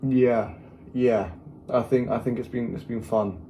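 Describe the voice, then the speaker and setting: A young vlog co-host chatting casually about a student film shoot, jokey and excitable, often cutting off their own sentences. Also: mid-range voice, measured pace, a little hiss or hum. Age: young adult. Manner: jokey, excitable, self-interrupting. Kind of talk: casual chat.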